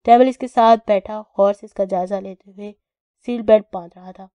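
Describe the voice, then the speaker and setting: A woman narrating an audio novel in a steady, even storytelling way. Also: mid-range voice, clear, resonant tone, no room sound, highs cut off.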